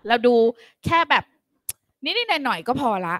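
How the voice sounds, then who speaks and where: A woman teaching a grammar lesson, coaxing her students with frequent questions and soft, polite phrasing. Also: high voice, wildly swooping pitch, a little slow, dry recording, clean studio sound. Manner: calls students "child", softens lines with polite particles. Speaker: English teacher. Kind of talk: online classroom lecture.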